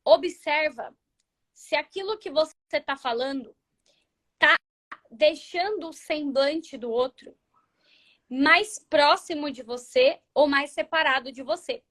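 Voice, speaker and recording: A Brazilian woman coaching viewers on communication in a live talk, animated and acting out sample lines. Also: high-pitched, slow pace. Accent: Brazilian Portuguese. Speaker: psychology and self-development coach.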